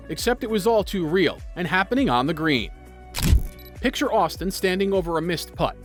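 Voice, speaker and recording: Casting: male narrator, notably high voice, dramatic scripted storytelling for video, music underneath.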